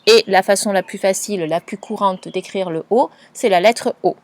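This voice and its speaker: A woman teacher giving a patient, clearly spoken dictation lesson to a young pupil, spelling out letters and sounds. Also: mid-range voice, normal speed, a little mellow. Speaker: primary school teacher.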